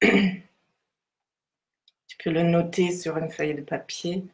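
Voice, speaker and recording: A woman leads a guided meditation and contemplative reading. Her voice sits a little low and she speaks very slowly. She is measured and instructive, leaving deliberate pauses between short phrases. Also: fairly even intonation.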